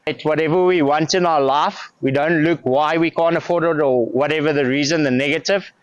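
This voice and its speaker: A man's voice: fairly high pitch, steady tone, brisk, dry recording, muffled recording. A South African man speaking as a business coach, giving an emphatic motivational talk to a group with plenty of rhetorical questions.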